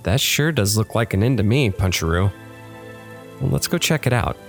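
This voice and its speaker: A man's voice: fairly low pitch, animated, moderate pace, vocal fry, soft background music. A man voicing a greedy, hungry young boy hunter who talks bluntly and bossily to his pet, in a storybook reading. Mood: cheerful.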